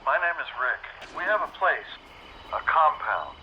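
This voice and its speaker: An actor playing a calm male stranger whose slow, measured voice comes over a walkie-talkie radio. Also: a little high, muffled recording, background noise, heavily acted. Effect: voice heard over a walkie-talkie radio.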